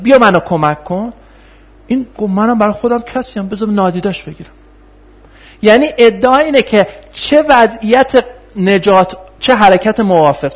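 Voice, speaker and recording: A man lecturing in a classroom on philosophy of science, explaining with rhetorical questions and filler pauses. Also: high-pitched.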